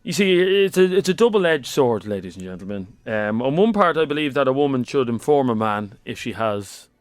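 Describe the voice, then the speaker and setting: A man's voice: medium pitch, big pitch swings, a little fast, no echo. A man with a Dublin accent hosting a radio phone-in in a conversational, mock-serious and teasing way. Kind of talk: conversational talk radio presenting.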